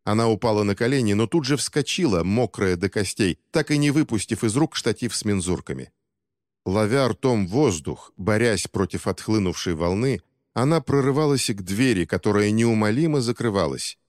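A man with a fairly low voice reads an audiobook in steady, dramatic scripted narration. His voice sounds close and dry, yet each phrase trails into a long reverb. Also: moderate pace.

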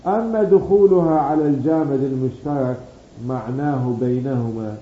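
A man's voice: medium pitch, moderate pace. A man teaching a grammar lesson, explaining patiently, drawing out key words, and asking and answering his own questions. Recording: dull roomy recording with faint background hum.

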